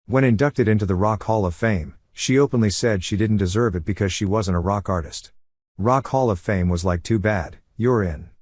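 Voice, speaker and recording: This compilation's narrator is a man with a lowish voice who reads forum comments from the internet in a calm, factual tone, moving a bit quickly. The recording is dry and clean, like a studio.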